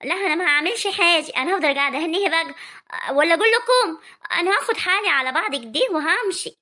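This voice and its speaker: A woman voicing a sharp-tongued young village daughter with a rural Egyptian accent, quick and nagging. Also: extremely high pitch, expressive, heavily acted. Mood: complaining. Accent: rural Egyptian Arabic.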